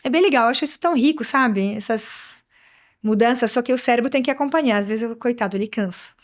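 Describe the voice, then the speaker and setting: This is a woman in her thirties, an Arabic speaker, chatting as a guest in a relaxed interview. Her voice sits a bit high, and she talks in a lively, sociable way, often dropping small tag words at the end of her sentences. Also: quick pace. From Morocco. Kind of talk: casual interview conversation.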